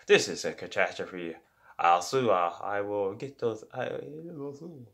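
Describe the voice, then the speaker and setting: A man voicing a stubborn young man hunting anime figures, who talks in loud, repetitive, indignant bursts in a homemade story. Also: lowish voice, expressive, unhurried.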